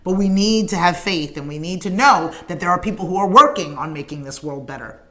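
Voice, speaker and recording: A woman hosts a morning livestream, making an earnest, emphatic direct-to-camera appeal in a repetitive, rallying cadence and calling out commenters by name. Her voice is lowish and fairly bright, and she talks fairly quickly.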